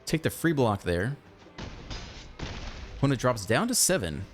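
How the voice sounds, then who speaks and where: A man giving casual, chatty commentary over his own card game, thinking aloud and breaking into excited outbursts. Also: medium pitch, measured pace, faint music behind. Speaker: gaming channel host.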